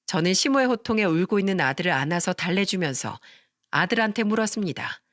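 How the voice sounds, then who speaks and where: A woman's voice: medium pitch, animated, a little fast, a bit bright, dry recording, studio quality. A woman narrating a first-person family story, acting out heated quarrels.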